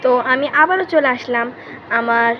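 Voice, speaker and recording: A woman teaching English to kids in a casual online lesson, repeating each phrase slowly for practice. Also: high-pitched, lo-fi sound, slight background noise.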